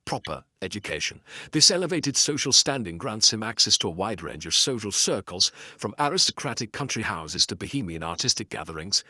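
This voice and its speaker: Chatty, rambling Geordie man, bright voice. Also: fairly low pitch, no echo, studio quality. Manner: digressive, self-deprecating, full of ums and restarts. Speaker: audiobook narrator. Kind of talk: casual rambling commentary.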